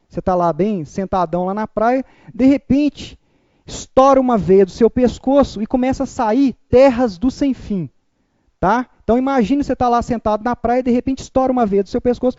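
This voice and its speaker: A man's voice: very high-pitched, dark tone, dry recording, muffled recording. A man teaching a memorization lesson, upbeat and chatty, leading the listeners through call-and-repeat drills.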